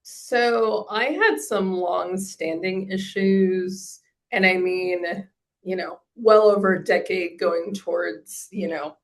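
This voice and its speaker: A woman's voice: medium pitch, slow pace. A woman in her forties giving a testimonial in a casual interview, rambling with many fillers and restarts. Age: 40s. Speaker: program client giving a testimonial.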